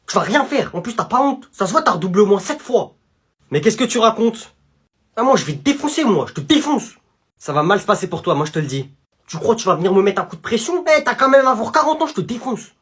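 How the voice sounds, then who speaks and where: Brief: hot-headed teen bully, done by a young man, slangy and threatening, husky. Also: high-pitched, big pitch swings, fast talker, heavily acted. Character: aggressive teenage schoolboy picking a fight.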